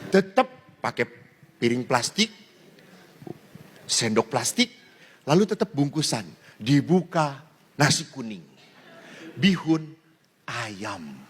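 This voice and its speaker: A man's voice: medium pitch, slow pace, pauses often, slightly rough. A man who is a priest, giving a humorous sermon told as a story, laughing often as he speaks. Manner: animated, laughing while telling jokes. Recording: reverberant hall, faint ambience.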